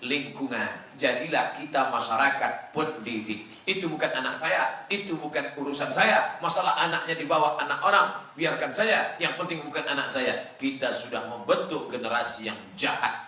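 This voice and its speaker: A male preacher giving a sermon, swinging between loud, emphatic bursts and soft, quiet asides. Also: medium pitch, normal speed. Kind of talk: Islamic sermon to a congregation. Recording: echoey hall with faint noise.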